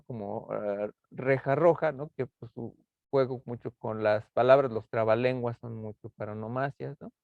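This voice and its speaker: Male lecturer, gravelly, hesitant and filler-heavy, dry tinny call audio. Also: medium pitch, no room sound. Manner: halting, many fillers and tag questions. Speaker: university lecturer. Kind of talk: lecture explaining rhetorical figures. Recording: tinny phone-like online class audio.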